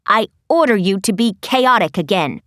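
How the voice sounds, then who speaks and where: A woman voicing an imperious royal teenage girl who barks orders in a lowered, commanding voice for a storybook. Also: lively intonation, normal speed, fairly bright tone, no room sound, studio quality, lightly acted. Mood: bossy.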